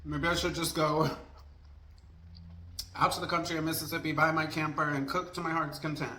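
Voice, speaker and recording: A man's voice: a little high, little pitch movement, brisk, pushed and bright. A man chatting casually to camera as a food vlogger, candidly venting in a rambling, storytime way. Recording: echoey room, faint background noise.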